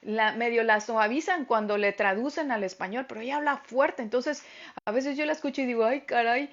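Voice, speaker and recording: A middle-aged woman teaching a Bible lesson to a women's group, speaking loudly and emphatically. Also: a little high, a little fast, dull audio. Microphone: phone.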